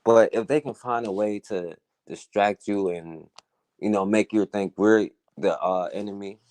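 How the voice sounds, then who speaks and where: A talk radio host speaks slowly in a lowish, somewhat mellow voice, giving earnest conversational commentary and leaning on "you know" and "right?" to engage listeners. The sound is dry and close, without echo.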